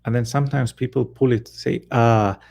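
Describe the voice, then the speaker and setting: Gravelly, mellow-voiced male Quran teacher. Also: medium pitch, moderate pace. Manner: patient, explains step by step. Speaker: Arabic and Quran reading teacher. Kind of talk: one-on-one lesson.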